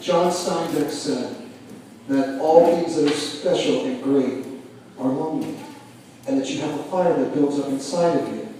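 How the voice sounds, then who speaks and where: A man voicing a drunk older man at a bar who gives slow, solemn, hushed advice. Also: fairly high pitch, slight background noise, voice pushed down, close to an everyday voice. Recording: echoey club room, mic at a distance.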